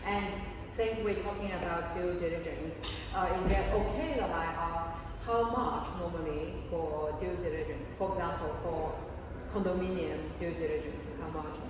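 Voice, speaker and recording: A woman's voice: lowish voice, moderate pace. A woman asking questions in a conversational interview. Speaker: interviewer from a condominium developer. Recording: echoey reverberant room, distant mic, background noise.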